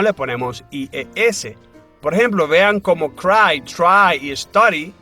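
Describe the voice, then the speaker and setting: A man explains a grammar lesson slowly and deliberately, his voice bright and a little higher than most. He often asks a question and then answers it himself. Soft music plays faintly underneath. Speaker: English teacher. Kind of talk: scripted lesson voice-over.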